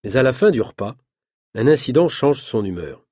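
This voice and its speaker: A man narrating an easy-reader story aloud in a measured, clearly articulated manner. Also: medium pitch, big pitch swings, darkish tone, no echo, studio quality. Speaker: audiobook narrator. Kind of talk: reading an easy French story.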